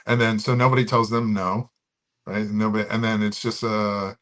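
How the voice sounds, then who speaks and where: Bright-voiced man in rambling chat. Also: fairly low pitch, level tone, normal speed. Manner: rambling, many fillers and restarts, drops into comic voices. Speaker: comedian in a podcast conversation. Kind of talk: casual chat.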